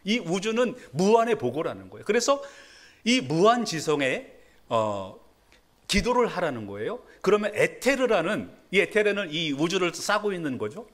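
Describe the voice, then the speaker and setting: A man's voice: sits high, very animated, normal speed, fairly bright tone. A middle-aged man preaching a Sunday sermon as a pastor in a church. He talks conversationally, laughs at himself now and then, and rises into sudden emphasis. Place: church sanctuary.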